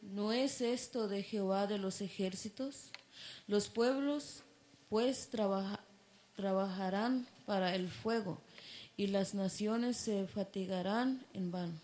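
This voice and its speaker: Female congregant, slow careful scripture reading, light background noise. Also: medium pitch, darkish tone.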